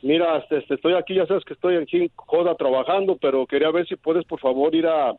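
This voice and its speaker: A man with a Mexico City accent calls in on a dry, tinny phone line. His voice is high, and he sounds eager and pleading. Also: a little fast, no room sound. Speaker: radio caller.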